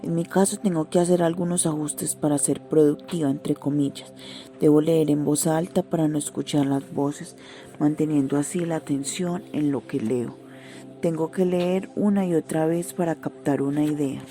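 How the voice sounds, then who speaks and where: A woman with a notably low voice gives a reflective personal testimony. Music plays clearly beneath her words. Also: dark tone. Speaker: interview participant, sociology graduate. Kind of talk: reflective testimony, partly read from a script.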